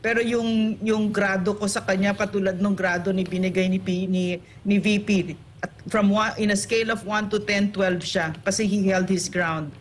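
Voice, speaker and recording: A woman's voice: medium pitch, fairly even intonation, moderate pace, a little hiss or hum. A woman political commentator in an online interview, talking indignantly and firing off rhetorical tag questions.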